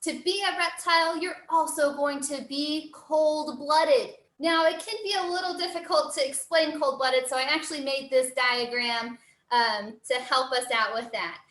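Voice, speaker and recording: Casting: American woman, cheerful zookeeper type teaching kids online, high-pitched voice, roomy echo. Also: fairly even intonation, normal speed, a bit bright. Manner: cheery, encouraging zookeeper manner. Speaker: zoo educator. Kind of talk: live online lesson for children. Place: indoor room, online video call. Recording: roomy, echoing sound.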